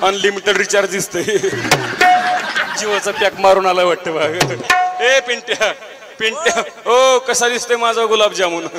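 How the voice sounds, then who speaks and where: A man with a high-pitched, everyday-sounding voice and moderate pace takes on the role of a proud, doting village mother in a comic folk piece, cooing, coaxing and sing-songing to her oversized grown baby. It's affectionate and teasing, with tabla and folk music behind him and heavy background noise.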